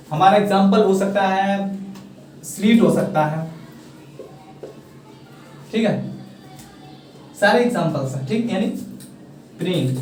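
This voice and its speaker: A young man with a Hindi accent, working as an English teacher, casually explains a pronunciation lesson and often checks that students follow. He has a high-pitched, slightly mellow voice and an encouraging, coaxing manner, repeating "thik hai" often. The voice is distant in an echoey room.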